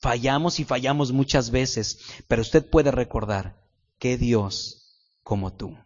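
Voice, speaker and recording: A man's voice: medium pitch, takes it slowly. A man, a pastor preaching a sermon with humorous stories, talking to the congregation and asking it questions. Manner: animated storyteller, acts out voices, asks the audience questions. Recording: muffled sound in a reverberant hall.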